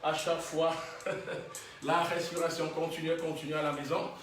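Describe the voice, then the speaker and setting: A man's voice: on the high side, little pitch movement, normal speed, fairly bright tone, a little hiss or hum. A man leading a fitness class, calling out short encouraging exercise cues and chuckling often. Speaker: fitness instructor. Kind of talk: workout class instruction. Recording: very echoey room, voice from a distance, faint music.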